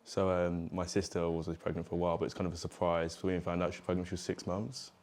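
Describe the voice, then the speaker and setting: A man's voice: low-pitched, flat delivery, fast talker, darkish tone. A man in his twenties telling a story earnestly in an interview. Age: 20s. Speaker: business student. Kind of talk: personal interview testimony.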